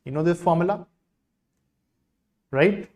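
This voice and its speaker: Indian-accented man teaching with an insistent sales pitch. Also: slow, darkish tone. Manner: insistent sales pitch, repeating key phrases. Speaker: online engineering teacher. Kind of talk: live online class with a sales pitch for courses.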